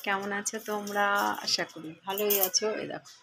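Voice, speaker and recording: A middle-aged home vlogger cooks in a room at home, chatting casually to her viewers while filming on her phone camera, and now and then stops to coax her dog. Her mid-range voice is steady and fairly quick, with background noise present.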